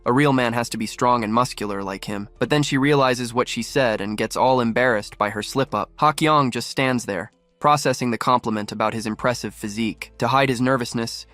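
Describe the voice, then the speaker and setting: A man's voice: mid-range voice, fairly quick, fairly bright tone, dry recording, faint music behind. Man narrating a recap, dry close mic. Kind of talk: scripted narration.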